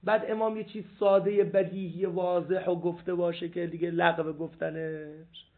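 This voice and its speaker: A man teaching a seminary law class, reading passages aloud and questioning his students. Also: high-pitched. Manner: animated, repeats points, asks the class questions. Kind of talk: jurisprudence class lecture. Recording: phone-like lo-fi recording.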